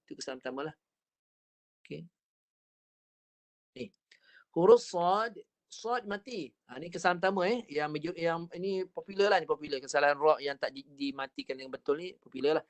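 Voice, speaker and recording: A man's voice: a little high, quick pace, long pauses, no echo. A man with a Malaysian Malay accent teaching Quran recitation online, patiently repeating and drilling letter sounds. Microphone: online class call.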